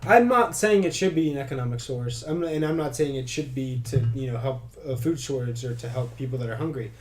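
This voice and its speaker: A man's voice: mid-range voice, brisk, darkish tone. A young man co-hosting a podcast, chatting casually and loosely with jokes and swearing. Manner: loose, profane, jokey. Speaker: podcast co-host. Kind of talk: casual chat.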